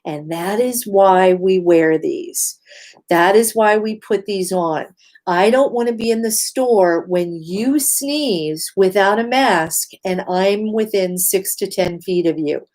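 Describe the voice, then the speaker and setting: A woman gives instructional advice through a face mask, so her voice is slightly muffled. She speaks slowly at a medium pitch, earnest and measured, leaning on key words for emphasis. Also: a little mellow. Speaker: host giving mental health advice. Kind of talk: instructional talk to camera.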